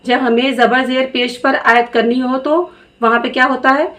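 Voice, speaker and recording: A woman teaching Quran reading, spelling out letters slowly and patiently before blending them into words. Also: sits high, fairly even intonation, fairly bright tone. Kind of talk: slow spelled-out recitation lesson.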